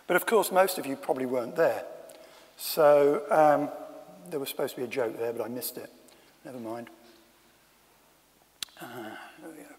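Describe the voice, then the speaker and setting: A man giving a conference talk with wry, self-deprecating asides. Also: medium pitch. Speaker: conference speaker. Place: conference room. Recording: long hall reverb.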